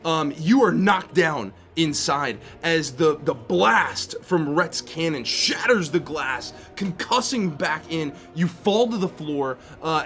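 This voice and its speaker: A man improvising tabletop game narration as game master, building descriptions haltingly piece by piece. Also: a little high, a bit bright. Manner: halting, piecing descriptions together. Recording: music behind the voice.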